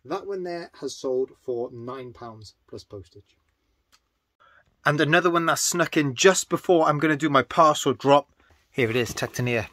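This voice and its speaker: In a storage room lined with toy shelves, an eBay reseller in his thirties chats upbeat to camera, walking through the items he has sold. His voice sits fairly high, fairly bright, at a normal speed.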